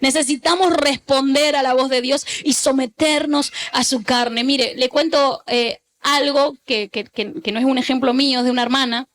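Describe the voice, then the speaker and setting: A high-pitched woman delivers a sermon as pastor. She exhorts her congregation, repeating key lines so they echo them back. She slips into animated storytelling as she preaches. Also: normal speed, few pauses.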